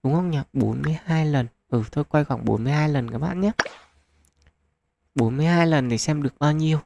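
A man casually commenting on a mobile gacha game as channel host, chatty, thinking aloud with lots of fillers and getting excited at lucky pulls. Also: on the high side, fairly quick, gravelly, a little hiss or hum.

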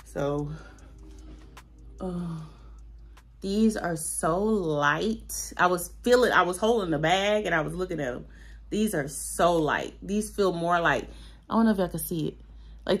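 A woman's voice: on the low side, husky. Chatty Southern woman vlogging at home. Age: 30s. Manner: chatty, playful, talks straight to viewers. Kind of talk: casual vlog chat to camera. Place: home bedroom.

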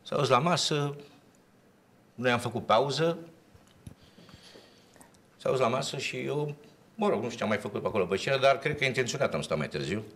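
Halting male musician telling a story. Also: mid-range voice, expressive, fairly bright tone. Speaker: musician, guest. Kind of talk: casual interview chat. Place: TV studio.

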